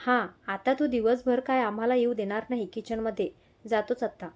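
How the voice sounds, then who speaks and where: A woman voicing a gentle middle-aged mother-in-law who speaks in a soothing, affectionate way in a read-aloud story. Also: on the high side, steady tone, moderate pace, lightly acted. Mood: light. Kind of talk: audio story reading.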